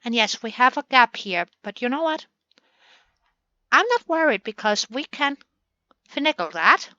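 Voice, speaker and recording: A woman's voice: fairly high pitch, sing-song, a little slow, sharp tone, dry recording, dull audio. A woman hosting a gaming channel, chatting through a building session in a playful way and talking to the game pieces as she works.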